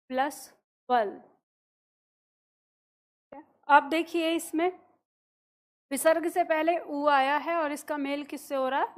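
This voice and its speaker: A woman with a high-pitched voice teaches a grammar lesson in a classroom. She works through examples patiently, posing a question and then answering it herself.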